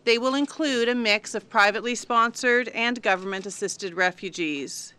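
A woman's voice: on the high side, moderate pace, bright, forceful tone, clean tone. A woman delivering a formal prepared government statement. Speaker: government minister.

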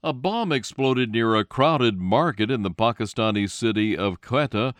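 A man's voice: medium pitch, animated, normal speed, fairly bright tone, no room sound. A man reading scripted radio news as the anchor.

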